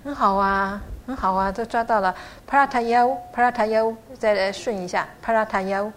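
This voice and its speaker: A middle-aged woman teaching a class to pronounce a chant, patiently encouraging students and sounding out syllables slowly. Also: medium pitch, fairly even intonation, slight background noise. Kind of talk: pronunciation lesson.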